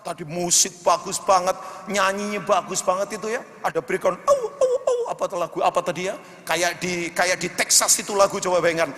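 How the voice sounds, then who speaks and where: A man preaching with a very high, bright and forceful voice. He swings between fervent shouting and hushed storytelling. His voice rings through a church hall with a long reverb. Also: steady tone, a little fast. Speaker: pastor. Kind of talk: sermon.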